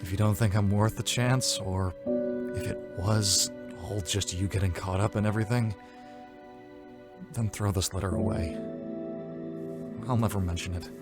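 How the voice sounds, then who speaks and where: A man playing a lovelorn, remorseful young antihero in a comic dub, reading a letter in an earnest, measured, pleading voice. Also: on the low side, fairly even intonation, over loud music, natural voice. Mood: tender, pleading. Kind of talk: motion comic voice acting, letter voice-over.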